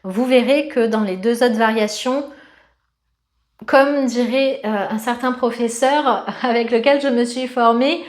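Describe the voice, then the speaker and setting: Yoga teacher lady, slightly high voice, calm steady cues for breathing and moving. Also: unhurried. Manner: calm cueing of breath and movement. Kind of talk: guided yoga class.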